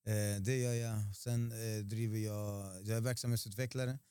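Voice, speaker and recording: A man's voice: lowish voice, steady tone, mellow, smooth, no room sound, studio quality. A man who preaches, as a guest in a casual interview, talking reflectively with hesitant restarts.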